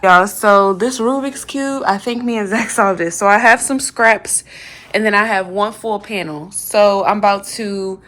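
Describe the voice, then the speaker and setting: A woman's voice: mid-range voice, unhurried, fairly bright tone. A woman casually talking viewers through a home decorating project, upbeat and chatty, recorded on a phone camera indoors. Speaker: home vlogger. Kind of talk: casual vlog walkthrough. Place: apartment living room, indoors.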